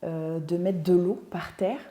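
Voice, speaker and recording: Young woman w/ telling her story, mellow voice, echoey room. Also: fairly low pitch, measured pace. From Tunisia. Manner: thoughtful, searches for words, animated when telling stories. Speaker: guest. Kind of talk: casual interview storytelling. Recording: roomy echo.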